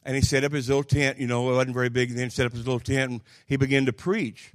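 An older man with an Oklahoma accent delivering a folksy sermon with personal stories, halting and plainspoken, moving between hushed asides and loud, emphatic lines. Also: mid-range voice, level tone, no echo. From Oklahoma, United States. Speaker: Pentecostal preacher.

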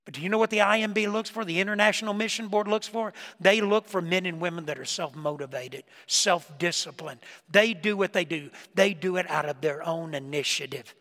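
High-voiced preacher in an echoing church. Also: male voice, a little fast, few pauses. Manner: emphatic storytelling, swings between loud emphasis and hushed lines. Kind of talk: sermon. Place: church sanctuary. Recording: reverberant church hall.

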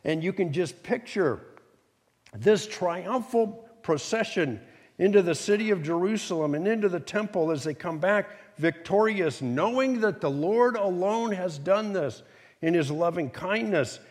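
A man's voice: sits high, lively intonation, a little slow, a little mellow. A man preaching a sermon, reading scripture and acting out the voices of the people he talks about. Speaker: pastor. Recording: long hall reverb.

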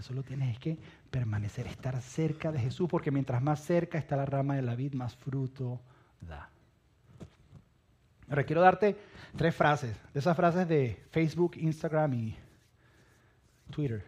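A man preaching a sermon, emphatic, repeating phrases and dropping low and quiet at the ends of lines. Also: slightly rough, muffled recording.

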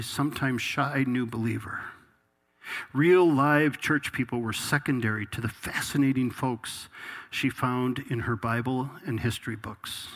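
Husky-voiced man preaching a sermon. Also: mid-range voice, a bit bright. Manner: reads a passage aloud, then preaches with rising intensity. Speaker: pastor.

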